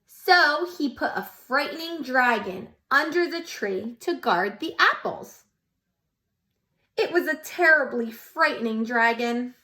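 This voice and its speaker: A woman teacher reads a storybook aloud to little children in a high, bright voice. Her pitch swings up and down with lively expression, and she stops to ask the kids gentle questions. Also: slow. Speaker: preschool teacher. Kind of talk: reading a picture book aloud to young children.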